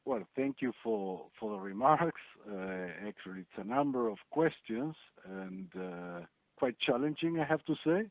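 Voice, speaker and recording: A man in his fifties from Chile, giving thoughtful interview answers with many pauses and fillers. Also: medium pitch, vocal fry, no echo. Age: 50s. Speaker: chief legal officer, guest. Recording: dry, tinny phone-like sound.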